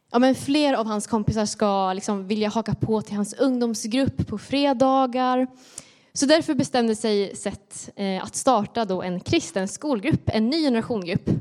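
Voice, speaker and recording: A young woman with a Norrland Swedish accent speaks to a youth crowd in a loose, chatty manner full of little fillers. Her voice sits a touch higher than most women's. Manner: casual, filler-heavy, chatty. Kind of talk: storytelling talk to a youth audience.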